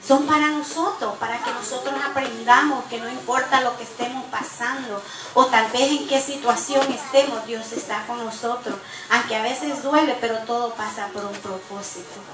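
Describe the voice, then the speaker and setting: A woman pastor preaching an impassioned sermon to her church, swinging between loud declarations and hushed, tender passages. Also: fairly high pitch, recorded from a distance. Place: church sanctuary. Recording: echoey church hall, mic from afar, music behind.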